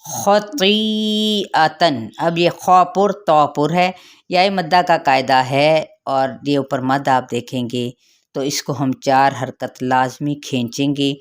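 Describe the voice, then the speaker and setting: A woman with a Pakistani Urdu accent teaching Quran recitation rules, explaining each letter slowly and carefully. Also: extremely low pitch, fairly even intonation, clean tone. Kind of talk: tajweed lesson with recitation.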